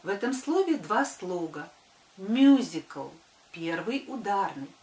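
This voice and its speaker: An older woman, a primary school teacher dictating to children deliberately and sounding out words by syllable. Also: mid-range voice, expressive. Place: small wood-panelled room indoors. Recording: echoey room.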